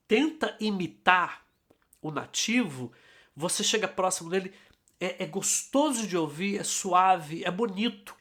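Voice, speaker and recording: A man's voice: sits high, fairly bright tone. A man hosting an English lesson, talking in an emphatic, conversational way. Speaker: English teacher, host. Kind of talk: casual teaching talk.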